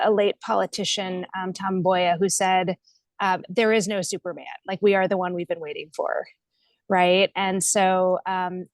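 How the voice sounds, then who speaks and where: On a webinar held over video call, a guest speaker who leads a nonprofit in the United States talks informally in a medium-pitched voice. She comes across as thoughtful, tentative and self-effacing while reflecting, captured in a dry recording.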